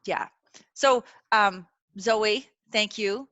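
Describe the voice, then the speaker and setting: Bright, chatty woman hosting a webinar. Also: medium pitch, very slow, no room sound, muffled recording. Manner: chatty, lots of "like" and "you know", reassuring. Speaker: webinar host. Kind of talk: casual chat. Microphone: video call.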